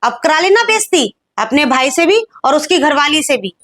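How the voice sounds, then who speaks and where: A woman's voice: sits high, big pitch swings, normal speed, fairly bright tone. A woman acting as a wife in a family drama, scolding her husband reproachfully.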